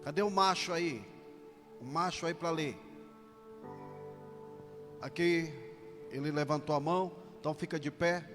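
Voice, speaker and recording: A man's voice: on the high side, unhurried, pauses often. A man preaching a sermon as pastor, commanding and calling on his congregation. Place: church hall. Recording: reverberant church hall with music. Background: music.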